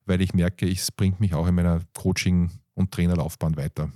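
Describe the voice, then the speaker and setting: A man with an Austrian accent, a coach and comedian, telling stories in an interview with lively laughs and many fillers. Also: low voice, moderate pace, no room sound, studio quality. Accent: Austrian German. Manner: animated storytelling with frequent laughs and fillers. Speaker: guest, coach and stand-up comedian. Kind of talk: conversational interview.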